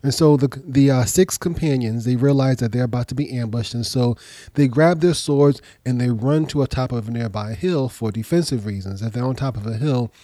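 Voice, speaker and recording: Male podcast host, medium pitch, dark tone, a bit stuffed-up with a cold, telling history informally and rewording as he goes. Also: no echo. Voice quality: slightly nasal, congested. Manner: explanatory, pausing to rephrase and repeat. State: getting over a cold. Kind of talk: informal history storytelling lecture.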